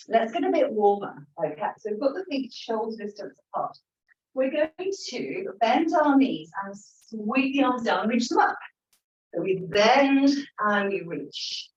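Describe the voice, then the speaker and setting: A woman's voice: a little high, darkish tone. A woman leads a Pilates class, encouraging the group as she counts reps and cues each breath in and out. Her voice carries a roomy echo and sounds a little dull and muffled. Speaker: Pilates instructor. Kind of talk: guiding an exercise class.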